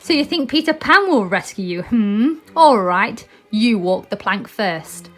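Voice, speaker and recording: A woman voicing a scheming male pirate captain with a theatrical, menacing, drawn-out delivery in a storybook. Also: mid-range voice, animated, a bit bright. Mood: gloating menace.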